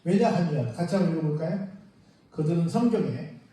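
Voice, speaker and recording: Male pastor, high mellow voice, storytelling sermon with rhetorical questions, very roomy distant church sound. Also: expressive, a little fast. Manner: storytelling, acting out the disciples and Mary in quoted speech; asks the congregation frequent rhetorical questions. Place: church sanctuary. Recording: very echoey church room, mic at a distance.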